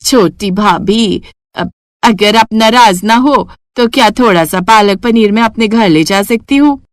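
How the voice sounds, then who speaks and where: Woman doing a shy poor maid in a cartoon, soft humble voice. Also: medium pitch, measured pace, dry recording, clean studio sound, natural voice. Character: timid poor housemaid, hesitant.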